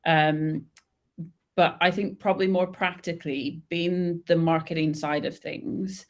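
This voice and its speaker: A woman from Colorado, a guest on a podcast, chatting casually and telling lively stories. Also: fairly low pitch, a little slow. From Colorado, United States. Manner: lively, expressive storyteller. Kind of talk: casual chat.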